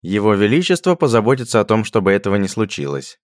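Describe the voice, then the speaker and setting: A man voicing a mocking, jokey young male friend who talks loud, teasing and lively. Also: fairly low pitch, fast talker, no room sound, studio quality, voice pushed up.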